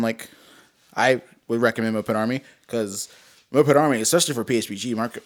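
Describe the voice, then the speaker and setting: A male podcast host with a mid-range voice and a loose frat-bro way of talking. He chats casually and slangily, like he's hanging out with buddies. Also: medium pitch. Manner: laid-back frat-bro slang, peppered with "dude" and "man".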